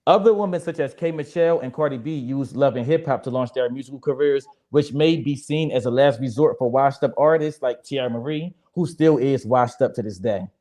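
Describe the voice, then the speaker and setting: A man's voice: medium pitch, fairly quick, few pauses, warm tone. A young man moderating a casual panel chat in a joking, blunt and profane way. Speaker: moderator of a discussion show.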